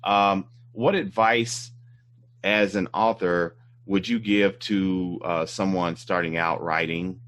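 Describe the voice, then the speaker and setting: Deep-voiced rambling talk show host. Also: male voice, steady tone, slow pace, a bit bright. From Indiana. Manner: rambling, many fillers and restarts. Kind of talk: casual interview chat.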